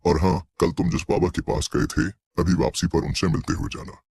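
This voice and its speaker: An actor playing a greedy, menacing male sorcerer with a husky voice. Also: low voice, little pitch movement, fairly quick, a little mellow, no echo, studio quality, heavily acted.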